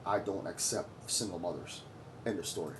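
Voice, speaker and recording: A man in his forties, from Trinidad and Tobago, talks straight into his vlog with a fairly low voice. He is blunt and boastful and lectures the viewer. He has no patience for anyone's feelings. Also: normal speed, a little hiss or hum. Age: 40s. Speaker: vlogger. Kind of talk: opinionated commentary.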